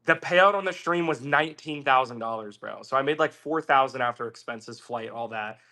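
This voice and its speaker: A man's voice: mid-range voice, moderate pace. A man telling a long casual story on a podcast, swearing freely and acting out what other people said. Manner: animated, swearing, acts out quoted voices. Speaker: podcast guest.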